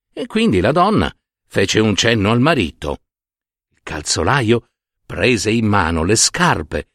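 A man reading a Christmas fairy tale aloud, tender and expressive. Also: lowish voice, no room sound, studio quality. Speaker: storyteller. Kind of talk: storybook narration.

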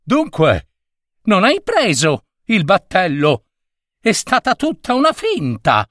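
A man voicing a panicked, pompous middle-aged gentleman who keeps shouting shrilly in a storybook. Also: sits high, huge pitch swings, slow, no room sound, clean studio sound, pitched above the performer's own voice, exaggerated voice. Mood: indignant.

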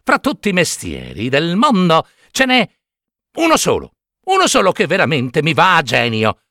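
A man's voice: wildly swooping pitch, normal speed, sharp tone, no echo, studio quality, heavily acted. A man voicing a cheeky, lazy puppet boy who talks back defiantly. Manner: high, bratty and defiant.

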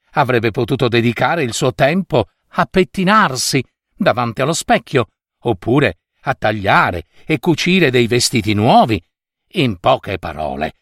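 A man narrates a fairy tale with an expressive, animated storytelling cadence. His pitch moves widely through each phrase. The recording is close and completely dry. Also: dry recording.

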